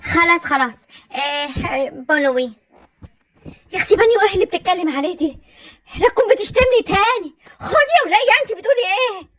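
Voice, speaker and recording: A woman's voice: sits high, lively intonation, normal speed, breathy edge. An actress playing a snobbish, etiquette-obsessed mother-in-law with an Egyptian accent, mixing in English words. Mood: shrill panic. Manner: affected, sprinkles English words.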